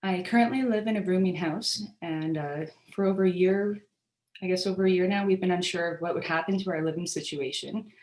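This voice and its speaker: A woman with a lowish voice speaks casually and personally, hesitating often as she goes. Her voice rings in an echoey room. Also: a little fast, darkish tone. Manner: casual, many ums and uhs. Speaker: board nominee. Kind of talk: personal candidate statement.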